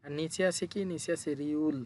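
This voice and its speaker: Man teaching, slightly high voice. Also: steady tone, moderate pace, a little mellow, slight background noise. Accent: Bangladeshi Bengali. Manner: asks and answers his own questions, repeats each sound. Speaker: Korean language teacher. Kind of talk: step-by-step language lesson.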